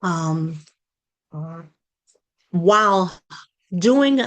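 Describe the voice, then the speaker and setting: A woman gives a community presentation, taking her time and pausing often on fillers and restarts. Her voice sits fairly low, and her delivery is unhurried and halting. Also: lively intonation, fairly bright tone. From Palestine, Texas. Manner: hesitant, many fillers and restarts. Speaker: community project leader presenting.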